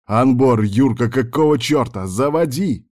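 A man voicing a gruff squad commander barking orders. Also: mid-range voice, animated, unhurried, a little mellow, no echo, clean studio sound, pitched above the performer's own voice, close to an everyday voice. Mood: shouting orders. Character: gruff male squad commander under fire.

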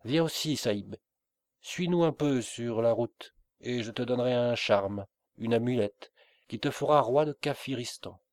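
A man voicing a boisterous wandering mollah who is really a bold trickster, declaiming slowly and with emphasis. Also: mid-range voice, darkish tone, no echo, lightly acted. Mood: exuberant.

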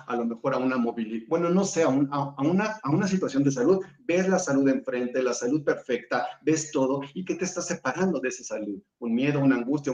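A man who is a spiritual guest speaker answers audience questions and leads a calm guided visualization, talking in repeated lists with small restarts. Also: medium pitch. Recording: roomy, dull lo-fi sound.

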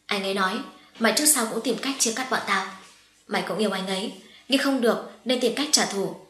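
Brash young woman with quick, loud retorts, read by a woman narrator; echoey room. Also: medium pitch, natural voice. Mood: indignant. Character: spirited young woman, blunt and teasing.

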